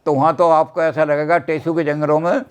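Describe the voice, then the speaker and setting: An older man who sings slow folk verses and then explains them in quick talk, as the guest on a chat show. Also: a little high, level tone, clear, resonant tone. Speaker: guest folk music expert. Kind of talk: explaining and singing folk songs.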